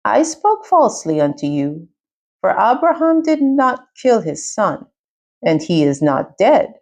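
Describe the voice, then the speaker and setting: A woman's voice: mid-range voice, big pitch swings, measured pace, a little mellow. A woman reading the lines of a deceiving male spirit who poses as a humble old man, in an earnest, insistent tone.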